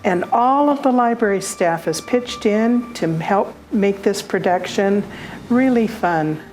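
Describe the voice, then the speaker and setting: Woman as Mrs. Claus, gentle and slow-spoken. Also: mid-range voice, animated, a little hiss or hum, poor audio. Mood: amused, informative. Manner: gentle, chuckling, unhurried. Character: Mrs. Claus, fond, homey, gently amused older wife. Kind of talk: audio drama dialogue.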